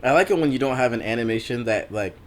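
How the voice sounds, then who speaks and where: A young man chatting as a podcast guest, animated, acting out reactions and sound effects as he talks. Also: medium pitch, fast, a little hiss or hum. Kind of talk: casual chat.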